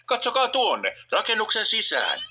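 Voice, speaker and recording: A man's voice: high-pitched, huge pitch swings, slight background noise, full character voice. A man narrating a dubbed children's cartoon in a playful, coaxing way, talking to the characters and to the young viewers. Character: cheerful friendly adult male cartoon narrator. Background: loud cartoon music.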